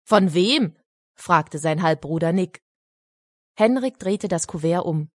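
A woman reading a children's story as audiobook narrator, calm and even. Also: fairly low pitch, unhurried, no room sound. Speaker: audiobook reader. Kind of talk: scripted narration. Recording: dry studio voice.

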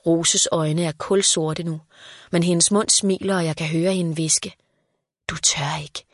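Low-voiced woman reading a story. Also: fairly even intonation, no room sound, studio quality. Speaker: narrator. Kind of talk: reading a children's story aloud.

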